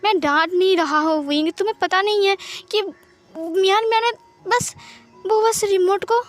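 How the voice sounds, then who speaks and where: A woman's voice: high-pitched, steady tone, normal speed, faint music behind, natural voice. A woman voicing a protective, emotional young man in a fan-fiction reading, talking earnestly and pleading. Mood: anguished. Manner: earnest, pleading, tearful at times.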